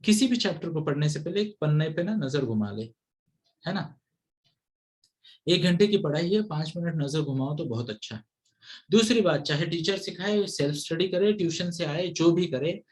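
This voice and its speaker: A man coaching parents on study habits over a video call, who mixes English into his Hindi and keeps asking his listeners to answer yes or no. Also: a little high. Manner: mixes English into Hindi, asks the audience constant yes-or-no checks.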